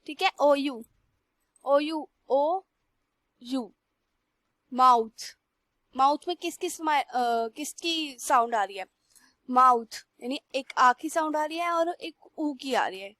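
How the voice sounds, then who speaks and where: A young woman teacher slowly reads textbook lines aloud and then explains them in Hindi. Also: sits high, lively intonation, fairly bright tone, dry recording. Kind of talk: classroom lesson.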